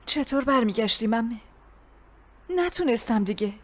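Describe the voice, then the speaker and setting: A woman's voice: fairly high pitch, animated. A woman voicing a troubled young woman unsure about going home, in a dubbed drama. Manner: hesitant, questioning.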